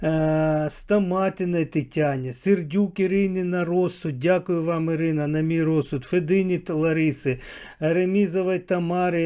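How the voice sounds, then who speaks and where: A man's voice: on the high side, darkish tone, clear, resonant tone. A man video blogger giving commentary to camera in a sarcastic way, repeating phrases for emphasis.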